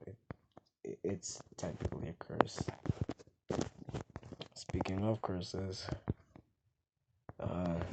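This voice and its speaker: This gaming vlogger is a young man whose voice is deep and gravelly, talking to camera in a loose, rambling way. He sometimes drops into soft mumbles that are hard to make out, and the recording is noisy, full of background sound and mouse clicks.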